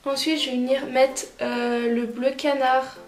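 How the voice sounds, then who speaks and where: A woman narrating a makeup tutorial as a vlogger, chatty and relaxed with lots of filler words. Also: high voice, measured pace. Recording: roomy echoey room, faint music.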